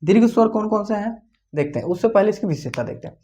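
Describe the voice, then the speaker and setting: A teacher giving an online exam-prep lesson, who asks questions and answers them, repeats key points, and slowly sounds out each vowel. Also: medium pitch, animated, warm tone. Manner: slows down to say the vowel sounds out clearly. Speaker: Hindi grammar teacher.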